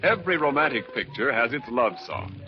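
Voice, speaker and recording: A man's voice: medium pitch, big pitch swings, fairly quick, dull audio, music in the background. A male radio announcer giving polished, scripted promotional narration, heard on an old 1940s radio recording.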